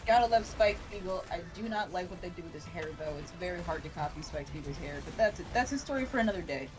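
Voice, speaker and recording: A woman's voice: fairly low pitch, expressive, fast talker, music in the background. A young woman doing chatty, rambling color commentary on a college esports match. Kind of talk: live casual color commentary.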